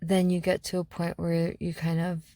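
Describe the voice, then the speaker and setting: A woman from Algeria hosting her own podcast, speaking thoughtfully with many pauses and restarts as she reflects. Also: on the low side, monotone, warm tone, no echo. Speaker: podcast host. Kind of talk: reflective solo podcast talk.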